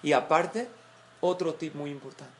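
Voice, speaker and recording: A middle-aged woman giving a parenting talk to mothers explains points and performs example quotes as the class speaker. Her voice is low and unhurried, with a little hiss or hum.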